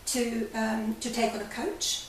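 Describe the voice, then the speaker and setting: An older woman with a Hungarian accent speaks earnestly as a life coach being interviewed candidly. Her voice is a little high, level, and unhurried. The room is echoey, the mic far off, and there's a faint hiss.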